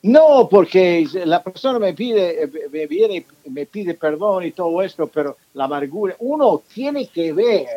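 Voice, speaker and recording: A man with a slightly higher voice speaks in an interview, stopping often on fillers and restarting his phrases. The sound is dull and lo-fi. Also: lively intonation, measured pace, hardly any pauses. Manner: hesitant, many fillers and restarts. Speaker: author and pastor guest. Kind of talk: interview conversation.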